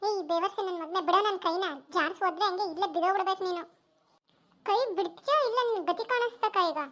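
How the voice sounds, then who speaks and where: A woman voicing Rukku, shrill fiery village girl. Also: fast, fairly bright tone. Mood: furious. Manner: scolding, abusive outbursts. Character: fiery young village woman, sharp-tongued. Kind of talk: cartoon voice acting.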